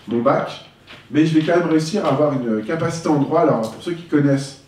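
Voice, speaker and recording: A man's voice: a little high, brisk, darkish tone, a little hiss or hum. A man giving a candid, reflective talk about his own life, telling it as a personal testimony. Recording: echoey room, voice from far off.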